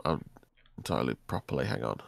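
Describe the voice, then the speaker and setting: A man's voice: very deep voice, big pitch swings, fast talker, creaky, a little hiss or hum. A man running a tabletop game as game master, casual and swearing, laughing often.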